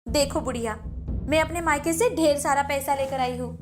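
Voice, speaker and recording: An arrogant young daughter-in-law, voiced by a woman in a cartoon story, snapping insolently at her elders. Her voice is high and sharp over faint background music. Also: normal speed, lightly acted.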